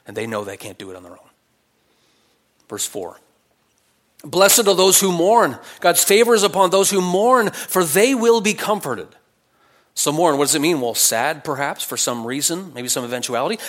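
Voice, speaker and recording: On the high side, this preacher's voice reads out verses and explains them conversationally in expository teaching. He raises questions only to answer them, swinging from emphatic phrases to quieter asides.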